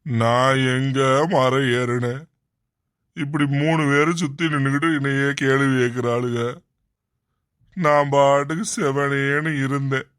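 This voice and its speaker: A man's voice: mid-range voice, steady tone, a little slow, a bit bright, clear, resonant tone, no echo, clean studio sound, natural voice. A man voicing a whiny henpecked husband. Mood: whining. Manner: whining, self-pitying. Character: sulky henpecked husband with broken arm, middle-aged. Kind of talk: cartoon voice acting.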